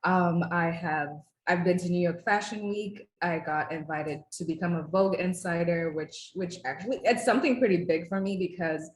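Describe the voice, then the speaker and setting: A woman's voice: fairly low pitch, moderate pace, few pauses, echoey room, rough recording. A woman in her twenties from Uganda, telling her story as a client in a casual testimonial interview, talking conversationally with many fillers and restarts. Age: 20s.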